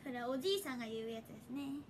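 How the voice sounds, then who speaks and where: A woman's voice: on the high side, rapid-fire, noisy background. A young woman with a Hiroshima accent chatting casually on a livestream, reading viewer comments and laughing often. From Hiroshima, Japan. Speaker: idol livestreamer.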